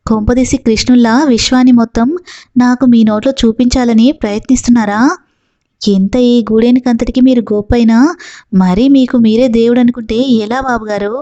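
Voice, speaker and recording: A fearful, flattering male servant, read by a woman who fawns and pleads. The voice is mellow and slightly high. The audiobook recording sounds a little dull. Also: normal speed, dry recording, close to an everyday voice. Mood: fawning.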